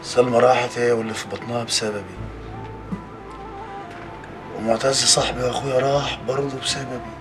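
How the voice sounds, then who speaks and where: An actor playing a grieving, guilt-ridden son, speaking with an Egyptian Arabic accent in an anguished, despairing manner. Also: male voice, mid-range voice, level tone, a little fast, pauses often, over music, lightly acted. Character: guilt-stricken police officer son. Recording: distant TV drama audio with score.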